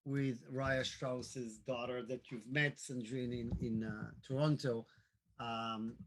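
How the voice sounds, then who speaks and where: A man hosting a live online interview, talking in a halting way with many fillers and restarts. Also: medium pitch, rough recording. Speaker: host.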